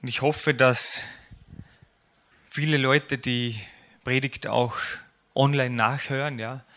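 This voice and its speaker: A man, a pastor telling a children's Bible story in a sermon with plain storytelling and quiet asides. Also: medium pitch, fairly even intonation, slow pace.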